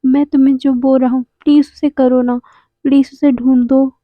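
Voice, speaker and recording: A woman's voice: high voice, flat delivery, moderate pace, no echo, narrow, tinny audio, natural voice. A woman voicing a tearful, clingy young man who keeps pleading and repeating his words.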